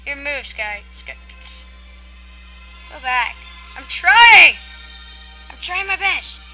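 Excitable high-voiced woman gaming. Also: slow, soft background music, low-quality recording. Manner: excitable, yelling and laughing at the game. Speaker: gamer. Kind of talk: live gameplay commentary.

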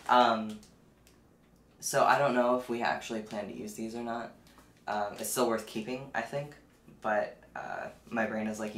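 A man's voice: on the low side, a bit bright. A man vlogging casually to camera about a haul, rambling and chatty with a self-deprecating streak. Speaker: hobby vlogger showing a haul. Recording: echoey room with background noise.

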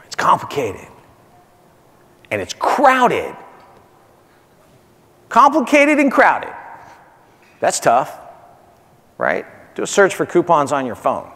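Slow and forceful, with frequent pauses, a marketing executive in his forties gives a keynote on a large hotel conference stage indoors. His bright, fairly high voice swings hugely in pitch as he delivers punchy short phrases, repeats key points and asks "right?". The recording carries the reverberation of the conference hall.

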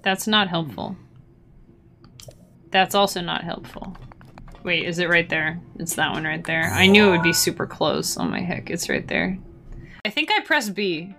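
A woman streaming a video game with casual, playful, excitable commentary to her chat, often exclaiming and giggling. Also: fairly low pitch, a little slow, pauses often.

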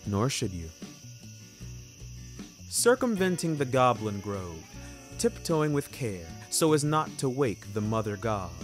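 As narrator of an audio fiction series, a very animated man with a medium-pitched voice delivers a wordy, wry and theatrical story, taking his time with each phrase. Music plays in the background.

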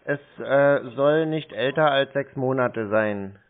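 Over a tinny phone connection, this man speaks slowly in a mid-range voice, baiting a scam caller with dry, pedantic jabs.

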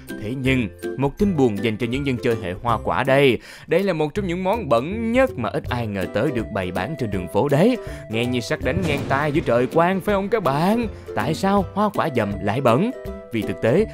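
Man, chatty top-list narrator, exclamatory, very animated pitch, voice-over over loud music. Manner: exclamatory, chatty, addresses viewers directly. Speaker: channel narrator.

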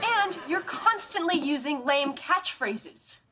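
A woman's voice: high-pitched, expressive, takes it slowly. An actress from Canada playing a sarcastic, teasing young woman in a sitcom. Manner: sarcastic, exasperated. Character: sharp-tongued young woman friend, teasing. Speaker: sitcom character. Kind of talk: sitcom dialogue. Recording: noisy sitcom audio with audience laughter.

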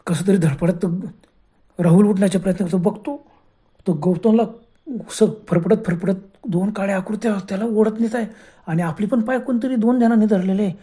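A woman's voice: mid-range voice, warm tone, husky. A woman narrating a horror story with a dramatic, repetitive telling.

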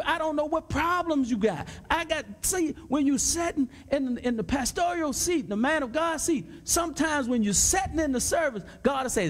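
A pastor with a very high voice that swings up and down a lot, speaking in a panel discussion. He repeats his points fervently and grows excited and loud. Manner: fervent, repetitive exhortation.

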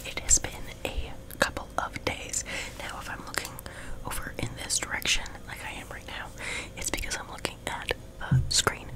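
A young man speaks in a hushed ASMR whisper, right up in your ear. He rambles softly as a host, very close to a sensitive microphone. The voice is breath more than tone. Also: moderate pace, poor audio. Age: young adult. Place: small room at home, seated on a love seat. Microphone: sensitive high-gain close microphone.

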